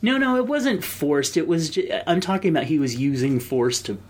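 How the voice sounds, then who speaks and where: A man's voice: a little high, sing-song, moderate pace. Man, thirties, podcast co-host, rambling casual talk, slight background noise. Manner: rambling, reads listener mail. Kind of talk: casual chat.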